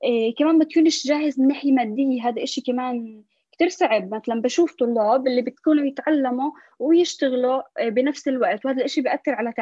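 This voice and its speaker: Very fast and warm in a high voice, a young woman with a Levantine Arabic accent answers interview questions on a podcast, sprinkling in English words and restarting her phrases often. There's no echo, but the high frequencies are cut off.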